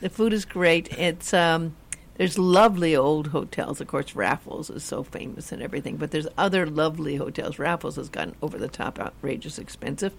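Chatty low-pitched woman host. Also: a little fast, creaky, few pauses. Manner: rambling, chatty, many restarts. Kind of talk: casual chat.

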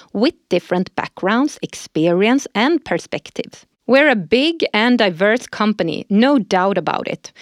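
A woman's voice: mid-range voice, no echo, studio quality. A woman hosting a corporate podcast who reads prepared lines and agrees with her co-host. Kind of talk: scripted corporate podcast dialogue.

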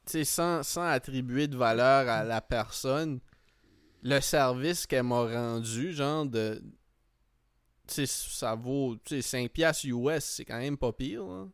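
A man's voice: medium pitch, slow pace, clear, resonant tone, no room sound, studio quality. A man with a Quebec French accent chatting casually, rambling and repeating himself as he tells anecdotes, dropping in English slang. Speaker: podcast host. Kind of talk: casual chat, comic anecdote.

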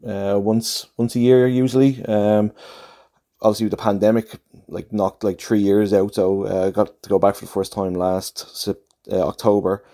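A man from Ireland with a slightly softened Dublin accent, chatting off the cuff as a football supporter leaving a message, hesitant and colloquial. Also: fairly low pitch, little pitch movement, normal speed. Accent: Dublin Irish, slightly softened. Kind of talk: casual, off-the-cuff chat.

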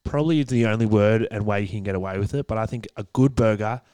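A man's voice: on the low side, quick pace, darkish tone, clear, resonant tone, no echo. A young Australian man chatting casually as a guest among friends. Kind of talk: casual chat.

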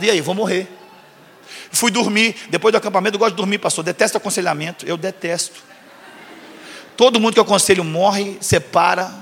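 Fast, high-voiced pastor preaching. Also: male voice, creaky, a bit bright, big-room sound. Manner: acts out dialogue, teasing congregation with jokes. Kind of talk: humorous storytelling sermon.

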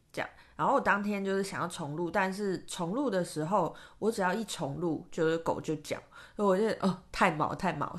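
Woman, Taiwanese Mandarin accent, casual solo podcast chat, rambling, frequent restarts. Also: on the low side. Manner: chatty, rambling, many fillers and restarts. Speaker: podcast host and tarot reader.

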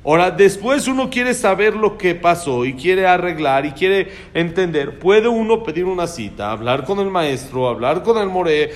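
A man's voice: high voice, a little hiss or hum. A man teaching a religious class on raising children, speaking emphatically and putting questions to his listeners. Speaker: Torah teacher.

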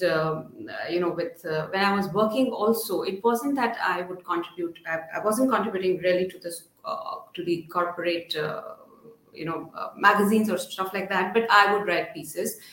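A woman's voice: lowish voice, moderate pace, a bit bright. A middle-aged woman, answering interview questions as a guest author in a hesitant, rambling way. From Srinagar, Kashmir, India. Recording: roomy, echoing sound.

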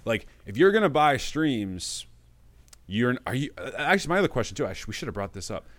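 A man hosting a show, chatting in a relaxed, casual way with a guest and using lots of filler words. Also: mid-range voice, a little fast, no room sound. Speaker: podcast host. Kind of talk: casual interview chat.

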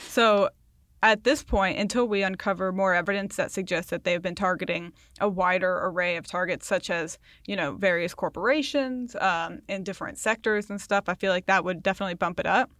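A woman co-hosting a podcast, chatting casually with quick asides and frequent laughs. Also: fairly low pitch, a bit bright, no room sound, clean studio sound. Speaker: podcast co-host.

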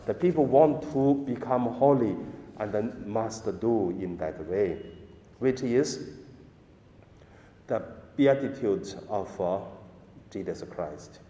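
A priest reading the gospel and preaching a homily in a halting way with many pauses, his voice carrying a cathedral echo. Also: lowish voice, mellow. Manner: halting delivery with frequent pauses. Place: large church. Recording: echoey church with long reverb.

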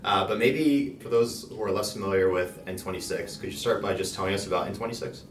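Male podcast host, very low voice, upbeat presenter read, picked up from a distance in an echoey room. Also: fast talker, a little hiss or hum. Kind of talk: scripted intro, then interview questions. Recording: roomy, distant from the mic.

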